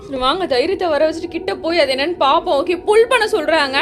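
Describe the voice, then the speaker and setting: A woman hosting a gaming channel, giving excitable, jittery commentary on a horror game and talking straight to her viewers. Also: very high voice, quick pace, noisy background.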